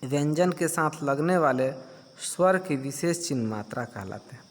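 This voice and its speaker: A man's voice: a little high, animated. A male teacher giving a grammar lesson to children, patiently asking questions and answering them himself. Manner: slow, patient explaining. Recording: long hall reverb.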